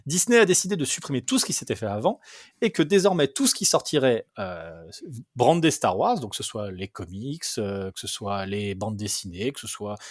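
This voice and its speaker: A man's voice: fairly low pitch, very animated, normal speed, dry recording, clean studio sound. A man hosting a casual podcast, talking with many hesitant fillers as he eagerly explains. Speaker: podcast host.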